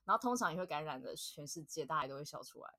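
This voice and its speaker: A woman co-hosting a podcast talks in quick, blunt bursts with a Taiwanese Mandarin accent and drops the odd curse. Her low voice has a bright edge. Her pitch swings widely as she talks. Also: lively intonation. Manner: blunt, swears, laughs loudly. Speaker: podcast co-host. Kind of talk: casual chat.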